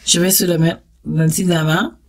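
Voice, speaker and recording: A woman's voice: fairly low pitch, little pitch movement, fast. A woman with a Spanish accent, Spanish her first language, hosting a step-by-step makeup tutorial in a chatty, encouraging way, talking straight to her viewers and making little "tac" sounds as she works.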